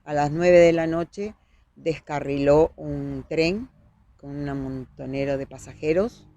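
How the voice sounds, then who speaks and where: Gravelly Uruguayan woman telling a story. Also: sits low, slow, dark tone, lo-fi sound. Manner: vivid retelling, acting out quoted dialogue. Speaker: guest. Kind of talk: storytelling in conversation.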